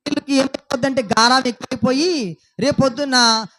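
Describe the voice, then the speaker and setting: A man's voice: extremely high pitch, steady tone, fairly quick, a bit bright, slight background noise. A man preaching a Sunday sermon as pastor, asking his listeners repeated questions. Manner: preaching with repeated rhetorical questions and acted quotes.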